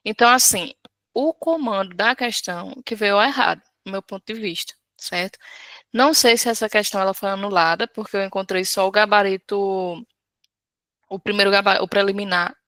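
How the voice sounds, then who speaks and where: A woman with a medium-pitched, slightly bright voice teaches Portuguese in a live class, patiently working through an exam question step by step. She checks in with students often, asking "certo?", and there's no room sound.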